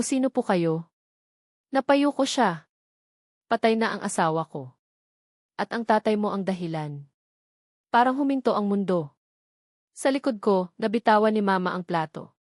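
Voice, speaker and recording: A woman's voice: mid-range voice, darkish tone, no room sound, studio quality. A woman narrating a dramatic first-person family story in short, punchy sentences, voicing every character in the same voice.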